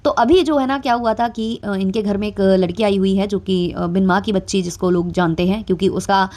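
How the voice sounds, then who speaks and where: This commentary vlogger is a young adult woman whose medium-pitched, darkish voice stays steady as she talks fairly quickly. She chats her way through gossip commentary with plenty of filler sounds and a mildly sarcastic edge.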